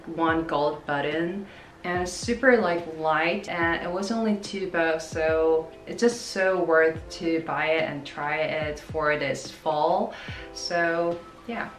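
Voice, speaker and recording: A Korean fashion vlogger from South Korea, whose native language is Korean, chats upbeat and casual to the camera about clothes she bought in a try-on haul. Her voice sits fairly low, and she peppers her speech with "like." She stands by a wall in a plain indoor room, and the echoey audio has music playing underneath.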